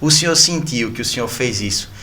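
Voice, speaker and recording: A man's voice: medium pitch, expressive, brisk, pushed and bright, a little hiss or hum. A man co-hosting a church podcast, asking a guest a thoughtful question in a conversational tone. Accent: Brazilian Portuguese.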